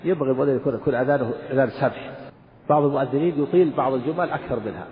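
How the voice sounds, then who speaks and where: A man's voice: mid-range voice, rapid-fire, a crowd in the background. A man, an Islamic scholar, teaching a religious lesson, explaining rules and briefly intoning the phrases he discusses. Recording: dull lo-fi audio with long hall reverb.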